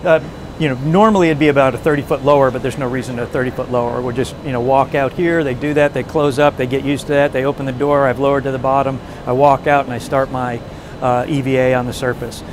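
A man acting as technical guide, giving an informal, halting walk-through explanation. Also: mid-range voice, steady tone. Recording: noisy industrial space, machinery hum.

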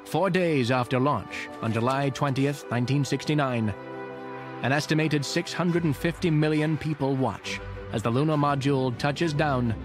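A man's voice: medium pitch, normal speed, music in the background. A man reading scripted historical narration as a documentary narrator in a voice-over. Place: voice-over recording with music behind.

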